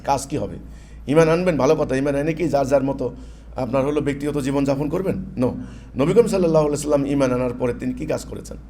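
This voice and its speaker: Male preacher from Bangladesh, emphatic and repetitive delivery, voice pitched a little high. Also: mellow, slight background noise. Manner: emphatic, repeats phrases, mixes in English words. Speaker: Islamic preacher. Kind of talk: sermon-style religious talk.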